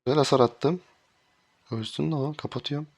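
A man's voice: mid-range voice, fairly quick, gravelly, no room sound, clean studio sound. A man streaming a mobile game, commenting live and getting exasperated with his teammates.

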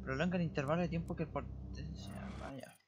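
Higher-pitched man doing casual gameplay commentary. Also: steady tone, quick pace, noisy background. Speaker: gaming video host. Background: video game music.

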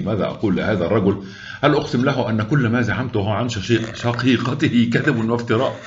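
A man with an Egyptian accent narrating a story aloud in a wry, unhurried way. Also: fairly low pitch, dull audio, slight background noise. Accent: Egyptian Arabic.

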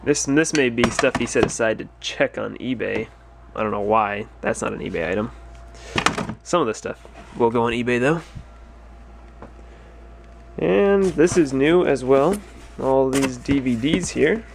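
This man speaks in an animated, unhurried mid-range voice with vocal fry against a noisy background. A resale store owner, he thinks aloud while going through totes in a cluttered stock room, filming a casual narrated unboxing vlog on a handheld or head-mounted camera.

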